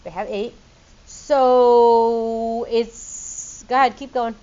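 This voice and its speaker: Playful middle-aged female chemistry teacher, high voice, muffled classroom recording. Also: steady tone, drawn-out words, warm tone. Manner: upbeat, playful teacher quizzing students. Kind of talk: classroom lecture.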